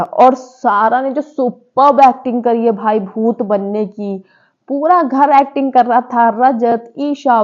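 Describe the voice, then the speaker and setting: A woman talks through a reality show episode in a casual, gossipy way, quoting the people in it as she goes. Her voice sits a bit high, and the recording sounds slightly muffled and lo-fi. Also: darkish tone. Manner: chatty, retells scenes by quoting the contestants. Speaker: TV show reviewer.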